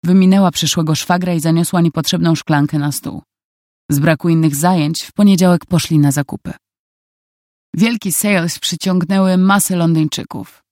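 A narrator reading a novel aloud in calm, even scripted narration. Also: mid-range voice, no echo, studio quality.

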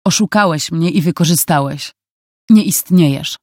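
The audiobook reader voicing a young woman who speaks in a flat, icy way. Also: mid-range voice, normal speed, no room sound, clean studio sound, natural voice. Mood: cold. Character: young woman, cold and guarded.

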